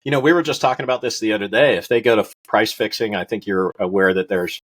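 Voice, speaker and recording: A middle-aged man from Wyoming, a rancher, chatting in an interview and telling animated stories, acting out the voices of people in his anecdotes and laughing often. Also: on the low side, fast talker. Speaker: rancher guest. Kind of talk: casual interview storytelling.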